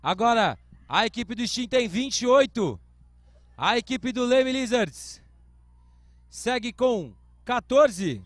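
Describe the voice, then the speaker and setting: A man's voice: very high-pitched, lively intonation, slow pace, no echo. A Brazilian man giving live American football play-by-play commentary, explaining calls in short announcer phrases. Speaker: sports commentator.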